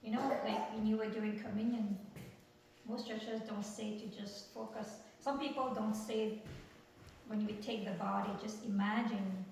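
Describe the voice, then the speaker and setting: An earnest woman shares her testimony before a congregation, pausing often and leaning on fillers and tag questions. Her voice sits at an ordinary middle pitch. She is heard from across a very echoey church room, with clear background noise. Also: steady tone, a little mellow. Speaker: church member giving testimony. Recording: very echoey church room, far from the mic, noisy.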